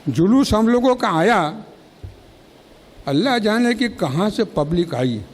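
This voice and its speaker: A man's voice: high-pitched, big pitch swings, unhurried. A man giving a public speech at a ceremony in an auditorium, telling stories and acting out the exchanges he recounts. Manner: storytelling, acting out quoted exchanges. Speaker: speaker at a felicitation ceremony. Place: college auditorium. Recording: long reverb of an auditorium.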